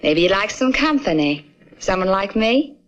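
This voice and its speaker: A woman's voice: mid-range voice, big pitch swings, normal speed, highs cut off, natural voice. An actress playing a cheeky young woman hired as a maid, with a put-on Cockney English accent, from an old film soundtrack.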